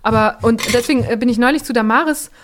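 A woman's voice: on the high side, quick pace, a little hiss or hum. Chatty young woman, rambling sentences. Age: 20s. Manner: long winding sentences with many fillers. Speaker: podcast guest, journalist. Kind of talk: casual conversation.

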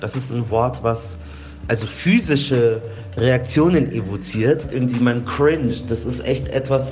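A man who is a guest podcaster, giving thoughtful, measured comments in an interview. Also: medium pitch, darkish tone.

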